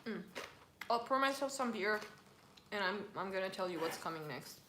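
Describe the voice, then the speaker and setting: A woman's voice: medium pitch, expressive, normal speed, reverberant, heavy background noise. A woman hosting a casual live stream, chatting and reading viewer comments aloud while she eats.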